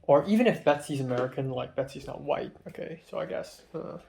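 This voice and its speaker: This young adult from Hong Kong, a Cantonese native speaker, vlogs a casual college story as a student, chatting and rambling with lots of fillers and trailing asides. His voice is a little high, brisk, creaky and slightly mellow.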